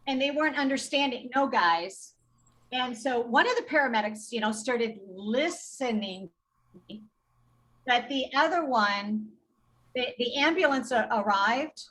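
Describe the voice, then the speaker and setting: Slow, bright-voiced woman telling a story. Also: fairly high pitch, lively intonation, rough recording. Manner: indignant, recounts exchanges in quoted dialogue. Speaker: patient advocate guest. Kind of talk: podcast storytelling.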